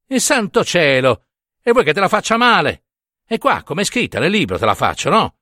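A man's voice: sits high, very animated, unhurried, dry recording, clean studio sound, voice pushed up, exaggerated voice. Don Marchino, grumpy old village priest, read by a man. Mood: impatient. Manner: exasperated, loud protesting outbursts.

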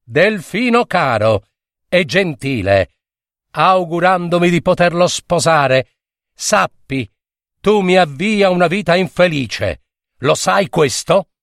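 A man's voice: high-pitched, animated, slow pace, fairly bright tone, dry recording, studio quality, pitched above the performer's own voice, exaggerated voice. A man voicing a proud, wary young female sea titaness in a firm, indignant manner in a storybook reading. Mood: earnest.

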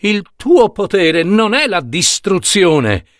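A man's voice: sits high, very animated, slow pace, fairly bright tone, dry recording, clean studio sound, pitched above the performer's own voice, heavily acted. A man voicing a male messenger god, protective and firm, warning in a raised voice. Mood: urgent.

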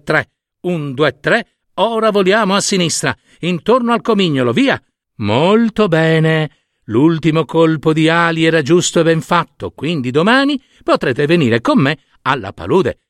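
A man's voice: a little high, no room sound, clean studio sound, pitched above the performer's own voice. A man voicing a bossy mother stork in a storybook reading, drilling her chicks with counted beats.

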